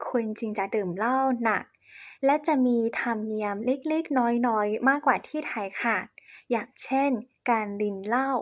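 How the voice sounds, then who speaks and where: Lady teaching in thai as a foreigner, a bit halting, polite, highish voice. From China. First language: Chinese. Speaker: presenter on cultural etiquette. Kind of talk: explanatory lesson to camera.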